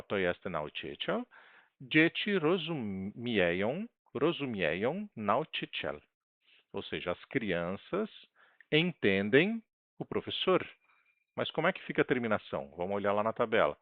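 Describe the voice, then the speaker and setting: A man from Brazil teaching a language lesson, explaining step by step, asking and answering his own questions, and reading example phrases slowly. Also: on the low side, no echo. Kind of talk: screen-share language lesson. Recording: dry, tinny phone-like sound.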